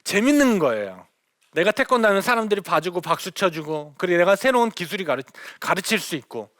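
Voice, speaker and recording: A middle-aged man, a missionary, telling stories to an audience in a lively lecture, acting out the dialogue. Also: high-pitched, fairly quick, no room sound, clean studio sound. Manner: animated storyteller, acts out quoted dialogue.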